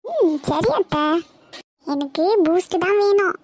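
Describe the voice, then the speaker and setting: A woman voicing a small, chatty girl in an animated cartoon, with a high, sing-song childlike delivery. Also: takes it slowly, exaggerated voice. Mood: eager. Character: little girl, chatty and clingy to her aunt.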